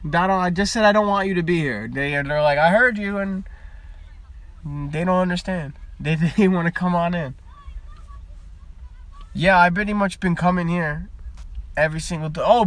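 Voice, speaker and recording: Young male streamer, casual and rambling, a touch higher than most, talking into a phone in his parked car. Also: normal speed, pauses often, fairly bright tone. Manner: rambling, chatty, easily sidetracked. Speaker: live streamer. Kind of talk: casual live-stream chat.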